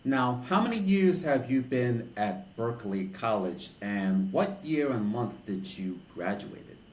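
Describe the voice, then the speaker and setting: A man from New York hosting an interview podcast, speaking in a formal, deliberate way. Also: medium pitch, expressive, a little mellow, reverberant, poor audio. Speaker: podcast host and DJ.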